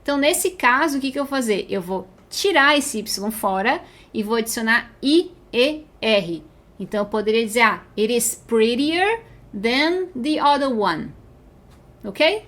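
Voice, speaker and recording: A Brazilian woman who speaks Portuguese as her first language, teaching a beginner English grammar lesson. She explains patiently and stretches out each English example word slowly. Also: fairly high pitch, expressive, a bit bright.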